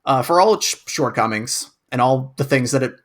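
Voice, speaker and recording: A man's voice: medium pitch, lively intonation, brisk, a bit bright. A man co-hosting a podcast, chatting casually and thoughtfully over a remote call, often repeating words as he hesitates. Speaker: podcast co-host.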